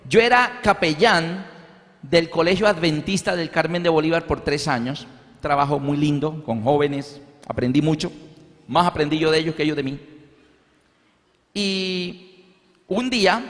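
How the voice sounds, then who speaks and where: A man's voice: a little high, a bit bright. A man, a pastor preaching and telling a story, who asks his audience questions as he goes. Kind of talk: sermon with storytelling. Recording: reverberant hall with faint music.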